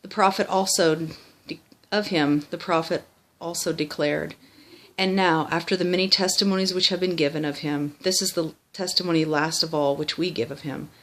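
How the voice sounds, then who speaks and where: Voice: mid-range voice, fairly even intonation, moderate pace, a bit bright. A person reciting a memorized religious text by rote, formal in wording, with small stumbles and self-corrections.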